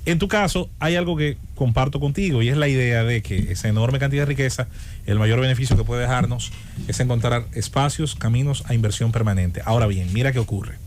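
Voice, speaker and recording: A man's voice: medium pitch, fairly quick, a little mellow, a little hiss or hum. Conversational radio host, man. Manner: conversational, poses points to guest. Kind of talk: radio interview.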